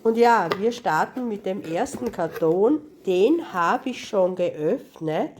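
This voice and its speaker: A woman hosting her cross-stitch channel, hoarse and husky from a cold, chatting casually through a craft unboxing. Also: mid-range voice, animated, slow pace, a little mellow, slight background noise. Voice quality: husky, congested.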